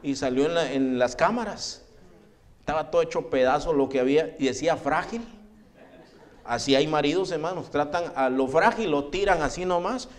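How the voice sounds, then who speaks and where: A man's voice: on the high side, normal speed. A man, a pastor, preaching a sermon in a direct, admonishing way, calling his listeners "brother" again and again. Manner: addresses the congregation as "hermano" over and over.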